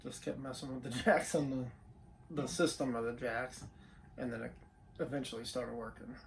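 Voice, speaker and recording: A man's voice: medium pitch, steady tone, normal speed, creaky. A man co-hosting a casual chat inside a small camper trailer, plain-spoken and laconic, with faint noise behind him. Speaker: co-host.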